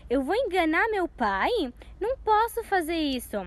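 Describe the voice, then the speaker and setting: A hesitant, worried young man speaks in a raised, fairly high voice, as a woman storyteller acts him out. He sounds careful and uneasy, in a children's storybook manner. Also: sing-song, normal speed. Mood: anxious. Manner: anxious, hesitant.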